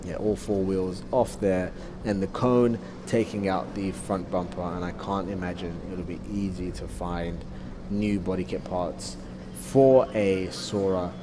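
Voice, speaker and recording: Lowish-voiced male motorsport commentator. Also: steady tone, unhurried. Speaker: commentator and drift driver. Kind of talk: live motorsport play-by-play commentary with casual chat. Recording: clear outdoor vehicle noise. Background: cars and outdoor ambience.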